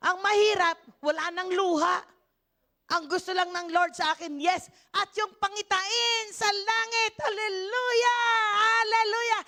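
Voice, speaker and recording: An older woman from the Philippines preaches at a church service in a very high, bright, forceful voice. She is animated and breaks into shouted praise. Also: measured pace. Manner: animated preaching with shouted hallelujahs and frequent laughter. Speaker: pastor. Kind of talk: sermon.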